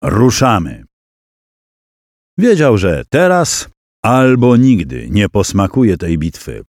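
This audiobook of a historical battle tale is read slowly by a man with a fairly low voice, who gets very animated as he performs the characters' shouts and cries. The recording is close and dry, without any echo or sense of a room.

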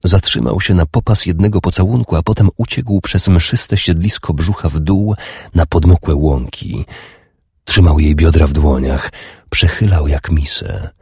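A man reading a historical romance audiobook in a slow, measured and sensual way. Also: deep voice, darkish tone, breathy edge, no echo, clean studio sound. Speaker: audiobook narrator. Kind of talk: scripted narration.

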